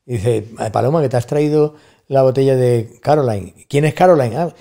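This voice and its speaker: A middle-aged man with an Andalusian accent speaks in a mid-range, creaky, warm voice at a moderate pace. A university staff member appearing as a guest, he talks at length in a casual podcast conversation, thoughtful and given to rhetorical asides.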